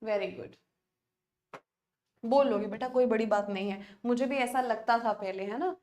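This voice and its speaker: A woman's voice: fairly high pitch, normal speed, darkish tone, roomy sound. A woman English teacher giving an online class lecture, mixing Hindi and English in a coaxing, chatty way.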